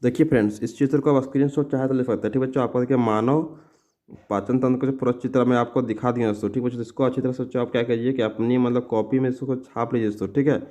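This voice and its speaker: Man, teacher, quick delivery, mid pitch, repeats "okay" constantly, stumbles over words while reading. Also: fairly even intonation, warm tone. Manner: fast, repetitive, calls listeners "friends" and "children"; says "okay" after nearly every sentence. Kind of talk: exam solution lesson.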